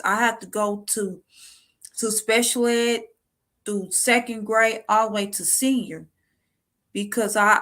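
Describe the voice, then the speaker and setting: In a personal, confessional vlog, a young woman with a mid-range, fairly bright voice talks to her viewers. She's close to tears, halting and emotional, stopping and restarting and repeating words as she struggles to get them out.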